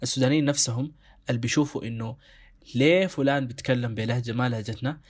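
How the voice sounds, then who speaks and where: A Sudanese man talks quickly through a casual discussion as a co-host. He thinks aloud, reflective, and keeps steering himself back to his point. His pitch sits in a middle range for a man. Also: fairly even intonation, breathy edge. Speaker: show co-host.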